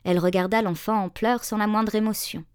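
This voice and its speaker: A woman reads a storybook tale aloud, measured and expressive. Her voice sits in a natural middle register and sounds close and dry. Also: medium pitch, clean tone, dry recording. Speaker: narrator. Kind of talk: storybook reading.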